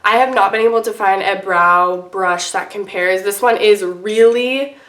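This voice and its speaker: A woman with a medium-pitched voice chats casually to camera as a beauty vlogger. She sounds sick and under the weather, with an icky, congested voice. Her delivery is informal and rambling, recorded in a noticeably echoey room. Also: measured pace, fairly bright tone. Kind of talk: casual makeup tutorial chat to camera.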